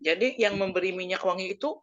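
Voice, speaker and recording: A woman's voice: medium pitch, fast talker, no echo, dull audio. A woman in a Bible study group asking a hesitant question and checking back often for confirmation. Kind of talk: conversational question in group discussion.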